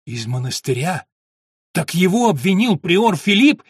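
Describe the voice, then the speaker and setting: Jack, a hot-headed young builder lad, as a male reader puts him on, hurling accusations in a husky, slightly high voice on a dry recording. He sounds raw and stung, his words coming in bursts. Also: sing-song, measured pace, no room sound, full character voice. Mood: bitter.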